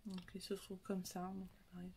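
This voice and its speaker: A woman's voice: mid-range voice, monotone, fairly quick, a little mellow, slight background noise. Rambling woman vlogger. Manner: rambling, many fillers and restarts. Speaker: coloring hobby vlogger. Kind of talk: casual chat showing supplies.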